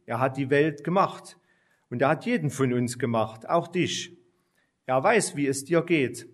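A man's voice: mid-range voice, measured pace, natural voice. A man reading as a kind comforting kindergarten teacher. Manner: calm, comforting.

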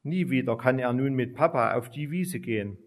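A man narrating a children's story in a slow, gentle reading voice. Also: medium pitch.

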